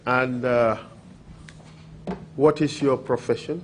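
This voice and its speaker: A man questioning a witness at a formal hearing, speaking in a slow, measured, procedural way. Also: mid-range voice, steady tone, a little hiss or hum.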